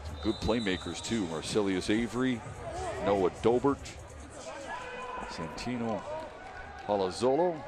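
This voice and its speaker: A man announcing a live football game play-by-play, measured between plays and rising to excited calls on the big ones. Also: on the low side.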